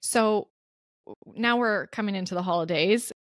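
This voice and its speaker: A young woman in a relaxed interview chat tells her story with plenty of laughs, mimicking the people she quotes. Her voice sits at an ordinary middle pitch. The recording is close and dry, with no room sound. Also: normal speed, no echo. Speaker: guest mother telling her birth story.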